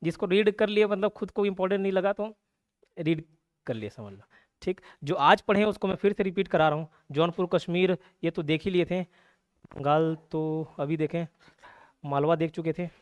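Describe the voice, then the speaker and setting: A man's voice: high voice, steady tone, normal speed, no echo. Chatty male coaching teacher, dry sound. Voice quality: chatty, repeats check-ins like "okay" and "clear". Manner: playful mnemonics, laughs at own jokes. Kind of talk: casual classroom lecture.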